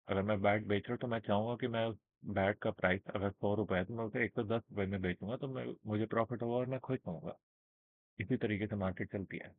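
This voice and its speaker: Slow-talking man teaching on a tinny line. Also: on the low side, no echo. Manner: explains with everyday examples, checks in with listeners; speaks slowly and deliberately. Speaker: trading instructor. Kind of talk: casual screen-share lesson. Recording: narrow phone-like band, dry.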